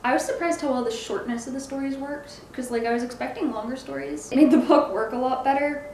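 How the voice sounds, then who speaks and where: Talking fast in a high, darkish voice, this comic book reviewer stumbles through a casual review, searching for words and correcting herself. She's recorded in an echoey room with faint noise in the background.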